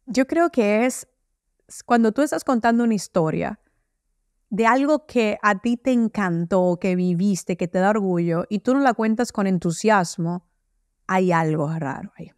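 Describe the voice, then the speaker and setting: A middle-aged woman, a podcast guest, telling stories with animated energy and acting out little voices. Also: medium pitch, measured pace, dry recording, clean studio sound. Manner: animated storyteller, acts out voices. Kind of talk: interview conversation.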